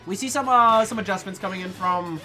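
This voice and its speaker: A young man calls gaming matches in casual, joking commentary. His tone is bright and sharp. Faint music plays behind him. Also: high voice, a little fast. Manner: joking, laughs often. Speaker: esports commentator.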